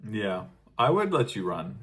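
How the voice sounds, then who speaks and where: A man's voice: fairly low pitch, big pitch swings, unhurried, a bit bright. A man co-hosting a casual comedy podcast, reading news clippings aloud with dry, wry asides. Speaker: podcast co-host.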